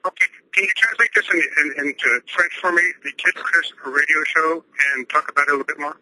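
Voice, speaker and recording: A man's voice: a little high, brisk, bright, forceful tone, poor audio. A man making a prank call on a speakerphone, pushy and interrupting, repeating himself. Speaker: prank caller. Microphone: telephone speakerphone.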